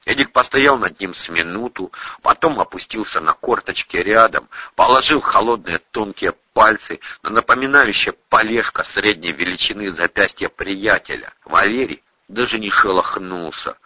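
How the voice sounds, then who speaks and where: A man narrating an audiobook in a steady storytelling manner. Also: on the low side, normal speed, breathy edge, no echo, highs cut off.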